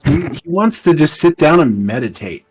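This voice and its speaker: A man's voice: fairly high pitch, very animated, moderate pace, slightly rough, poor audio. A man playing a tabletop role-playing game, talking casually and describing what his character does.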